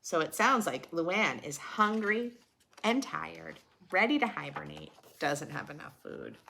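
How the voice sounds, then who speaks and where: Like a preschool teacher, a woman reads a picture book to young children, adding teaching asides to her expressive storybook read-aloud. Her pitch swings widely and her voice is a bit bright with noticeable creak, and she takes her time over each phrase. She often turns to the listener with playful questions.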